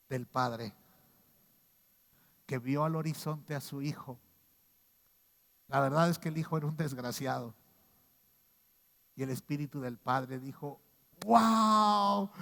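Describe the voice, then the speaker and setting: A man preaching a sermon as pastor, acting out quoted voices and swinging between loud outbursts and hushed lines. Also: a little high, creaky. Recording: long reverb of a hall.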